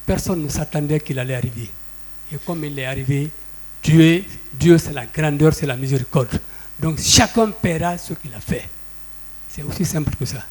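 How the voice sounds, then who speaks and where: A man testifying in court, his voice sitting high. He pushes back hard, talks over the questioner and sounds a bit short of breath. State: slightly out of breath. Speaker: trade union leader testifying in court.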